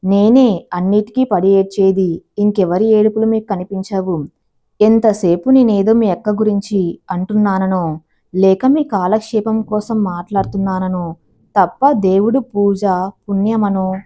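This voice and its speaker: A woman's voice: medium pitch, fairly even intonation, measured pace, mellow, natural voice. A woman voicing an aggrieved middle-aged housewife who complains in a hurt, indignant way.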